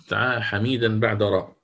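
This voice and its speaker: A man's voice: on the low side, vocal fry, sharp tone, breathy edge. A man teaching Quran recitation rules in a lecture, explaining step by step, asking his students questions and chanting the verses he quotes.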